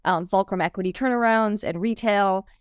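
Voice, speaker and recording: An entrepreneur in her thirties from Vancouver, Canada, tells her story as a guest in a casual interview, chatty and heavy on fillers. Her mid-range voice is smooth at a normal speed, captured in studio quality with no room sound.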